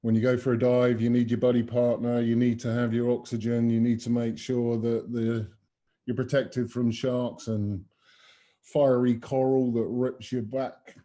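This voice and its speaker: A man's voice: mid-range voice, dark tone. A man hosting a business webinar, presenting emphatically with vivid metaphors over a video call microphone. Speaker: webinar host and consultant.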